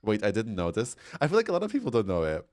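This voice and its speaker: Casting: young Austrian-accented male streamer, very low voice, chatty and giggly. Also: huge pitch swings, rapid-fire, darkish tone, no room sound. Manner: chatty, laughs often, reads chat aloud. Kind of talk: casual livestream chat.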